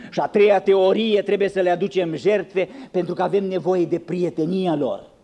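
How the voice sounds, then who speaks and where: A man's voice: high voice, mellow. A man preaching a sermon, dramatic and ironic, acting out the voices he quotes with big swings and speaking in asides to the congregation.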